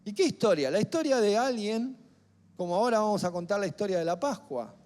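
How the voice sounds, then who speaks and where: A man with a Rioplatense accent preaching a sermon as pastor, emphatic and building to near-shouts on key phrases. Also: high-pitched, lively intonation, a little fast. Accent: Rioplatense Spanish. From Argentina. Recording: echoey hall with faint music.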